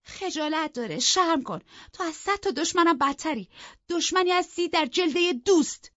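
A woman voicing a tearful, jealous and petulant young woman in an audiobook, her voice high and strained. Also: expressive, no room sound. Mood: outraged. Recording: dull, dry lo-fi recording.

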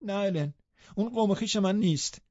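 A man's voice: fairly high pitch, very animated, warm tone, no echo, voice pushed up. A haughty, spoiled young girl, as a male reader puts her on in an audiobook, with a raised, bossy voice. She snaps orders indignantly and slips into tearful upset. The recording sounds slightly muffled. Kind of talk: audiobook character voice.

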